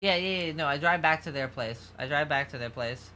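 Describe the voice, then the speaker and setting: Bright-voiced rambling New York streamer. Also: male voice, a little high, fairly quick, slight background noise. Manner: rambling, loses track of the story. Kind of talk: casual chat.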